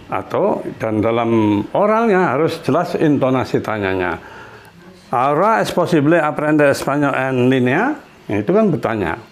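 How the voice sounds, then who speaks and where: Man teaching Spanish in casual talk. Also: medium pitch. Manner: explains slowly with many restarts and repeated example sentences. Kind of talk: casual spoken lesson.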